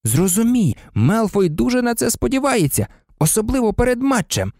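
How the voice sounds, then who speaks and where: A man voicing a blunt teenage schoolboy who is quick to take offence. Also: very high-pitched, sing-song, a little mellow, dry recording, studio quality, voice pushed up, exaggerated voice. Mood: indignant. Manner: blunt, indignant.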